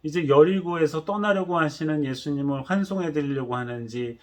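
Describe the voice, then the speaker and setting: A pastor preaching a sermon, telling the story animatedly and acting out the voices. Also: male voice, on the high side, a little fast.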